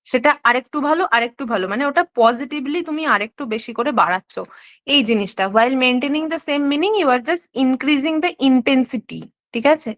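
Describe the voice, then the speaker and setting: Lady teaching english grammar online, high voice, keeps asking "ok?". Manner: explains step by step, checks in with "ঠিক আছে?". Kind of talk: online exam-prep lesson.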